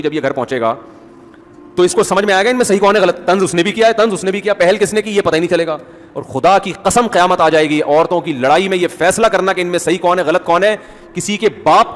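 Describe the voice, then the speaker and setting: A man's voice: sits high, long reverb tail. A man preaching a sermon in a conversational manner, with humor and rhetorical questions. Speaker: Islamic preacher.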